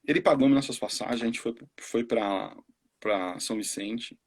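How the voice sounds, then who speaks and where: Brazilian man, forties, missionary giving a casual testimony. Husky, breathy tone; animated storyteller who acts out the voices of people he quotes. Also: medium pitch, moderate pace. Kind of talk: casual testimony on a live stream.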